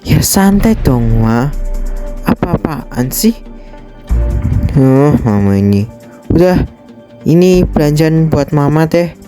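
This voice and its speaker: A woman's voice: sits low, sing-song, slow pace, long pauses, mellow, faint music behind, full character voice. A woman voicing a greedy, envious teenage girl in an amateur game drama, talking in a chatty, whiny way. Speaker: voice actor for a fan drama.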